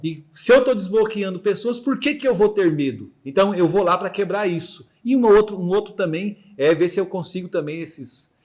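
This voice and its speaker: Here the Mato Grosso-accented podcast host speaks high and expressively, a little fast and with few pauses, in a darkish tone. His casual chat is hesitant and full of restarts, and he mimics heartbeat sounds while explaining, all from a room with no air conditioning.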